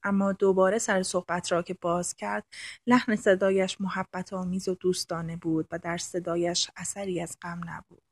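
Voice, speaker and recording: A woman narrating a novel in the first person, steady and earnest. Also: lowish voice, breathy edge, no echo.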